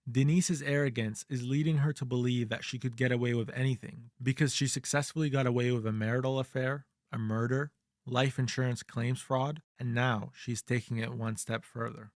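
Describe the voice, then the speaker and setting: Measured male crime documentary narrator. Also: medium pitch, steady tone, dry recording, clean studio sound. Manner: measured, analytical.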